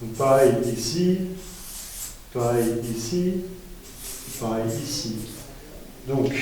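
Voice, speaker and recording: A man's voice: on the high side, dark tone. Hesitant male teacher in an echoey classroom. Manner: hesitant, many euh fillers and restarts. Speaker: English teacher. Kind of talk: classroom lesson at a board. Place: classroom with a board. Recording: echoey room, mic far off.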